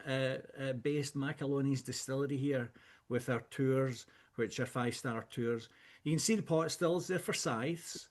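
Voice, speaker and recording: A man speaks with a broad Scottish accent at a medium pitch. He presents online as a business owner would, halting and picking his way through phrases with frequent pauses. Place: speaking into a microphone on an online call.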